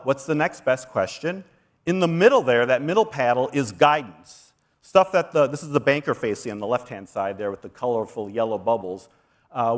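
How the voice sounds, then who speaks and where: A man presenting a keynote talk at a conference, energetic and persuasive as he walks through slides. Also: medium pitch. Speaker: conference speaker.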